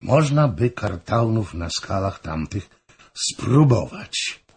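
A man reading the lines of a restless, wilful king, giving slow, deliberate orders in a husky voice. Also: fairly low pitch, big pitch swings, full character voice. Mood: commanding. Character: imperious middle-aged king, restless and wilful.

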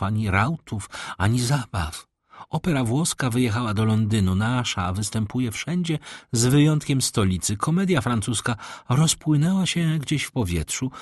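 A man's voice: mid-range voice, dry recording, studio quality, voice pushed up, lightly acted. A man voicing a vain, scornful middle-aged Parisian baroness in an audiobook reading. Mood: capricious. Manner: capricious, scornful, affected.

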